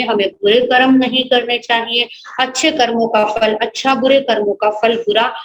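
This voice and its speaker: A woman's voice: a little high, echoey room, muffled recording. A woman, a nun, teaching an online religious class, patiently explaining and listing terms one by one.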